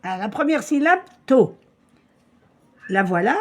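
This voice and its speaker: Woman teacher, patient, husky, animated pitch, repeats and explains slowly. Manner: slow, repeats words and gives translations. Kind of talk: patient reading lesson for a child.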